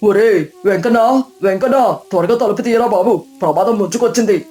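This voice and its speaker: A woman voicing an old village elder man who shouts urgent, breathless warnings. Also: medium pitch, fast talker, close to an everyday voice.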